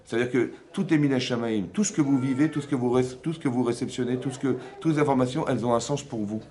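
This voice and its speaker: Fast-talking rabbi teaching. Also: male voice, medium pitch. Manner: animated, acts out imagined dialogues with the listeners; conversational, asks listeners for assent. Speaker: rabbi teaching a women's class. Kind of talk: lively Torah lesson.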